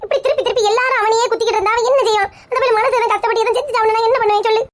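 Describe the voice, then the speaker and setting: A woman's voice: steady tone, rapid-fire. A woman with a Kanyakumari Tamil accent playing a touchy, bald, middle-aged village woman who nags and bickers. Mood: bickering. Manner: shrill, nagging, bickering.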